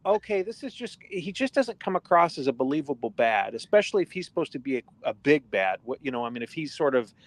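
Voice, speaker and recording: A man's voice: on the high side, very animated, fast talker, few pauses, dry recording. A man hosting a podcast, giving his opinions in casual talk with frequent restarts. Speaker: podcast host.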